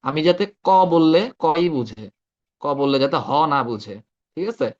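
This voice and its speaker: Man, online class teacher, patient, keeps checking understanding; a bit high, dull lo-fi call audio. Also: animated, moderate pace. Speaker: Arabic pronunciation teacher. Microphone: video call.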